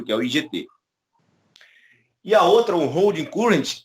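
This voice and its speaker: A man with a Brazilian Portuguese accent teaching an online electronics class, explaining patiently and checking in often with the students. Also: on the high side. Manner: explanatory, many "tá?" and "né?" tags.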